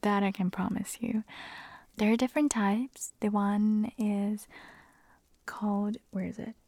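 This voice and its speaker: In this ASMR clip, a woman's whisper is so hoarse and raspy she almost loses her voice, and she giggles through chatty asides that poke fun at herself. She keeps a medium pitch, a steady, slightly mellow tone and a measured pace, with no room sound at all.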